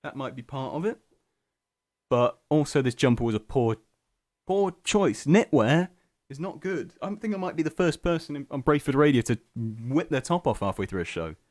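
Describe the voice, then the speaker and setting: Alone in a small studio, a young student radio host rambles through a solo chat, mocking himself, losing his thread, and restarting often. He speaks into a studio microphone with a medium-pitched, darkish, animated voice at normal speed, recorded dry.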